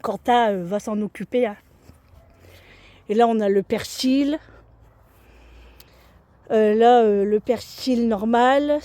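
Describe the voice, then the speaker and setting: A woman's voice: fairly high pitch, dark tone. A French woman chatting casually to her viewers in a home vlog, talking to them as friends. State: out of breath. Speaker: vlogger.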